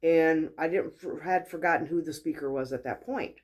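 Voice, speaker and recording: A woman's voice: low voice, normal speed, darkish tone. Woman, host, casual spiritual teaching talk, chatty storyteller, acts out the dialogue she quotes. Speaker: host, wellness mentor.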